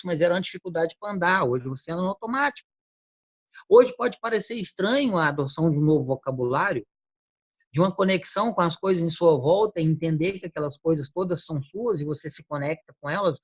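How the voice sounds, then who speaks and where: A man giving a motivational talk on word choice, acting out quick everyday exchanges. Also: sits high, no echo. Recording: dull lo-fi recording.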